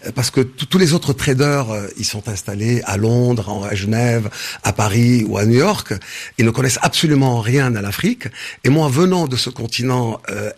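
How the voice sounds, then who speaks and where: Husky-voiced older man from Senegal. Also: mid-range voice. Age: 60s. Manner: measured, many hesitations and restarts. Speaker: interview guest, business founder. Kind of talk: interview answers.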